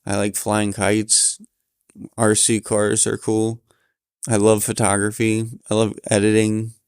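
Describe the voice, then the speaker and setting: A tired man candidly talking through his thoughts while lying in bed, pausing and restarting as he goes. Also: fairly low pitch, monotone, darkish tone, smooth, no room sound, clean studio sound. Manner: tired, halting, reflective. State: sleepy, yawning. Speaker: vlogger recording his thoughts. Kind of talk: candid personal monologue.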